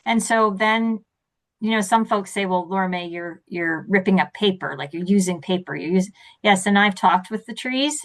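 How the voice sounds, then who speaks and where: Animated woman coaching guest. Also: mid-range voice. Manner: animated, acts out quoted voices. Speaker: success coach. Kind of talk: interview conversation.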